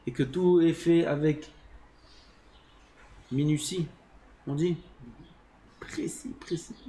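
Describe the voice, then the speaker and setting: A man with a slightly high voice gives a religious lesson as a rabbi. His delivery is animated, rising sharply and then falling to near whispers as he asks his listeners questions. Faint noise sits behind him. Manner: asks the class questions and acts out everyday scenes. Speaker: rabbi teaching a class. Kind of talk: Torah lesson, reading Hebrew text and explaining in French.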